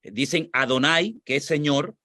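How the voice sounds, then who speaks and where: A man's voice: fairly high pitch, measured pace, pushed and bright, no echo, clean studio sound. A man from Spain with a Spanish accent, a pastor explaining scripture and answering questions in a teaching tone, repeating his points for emphasis.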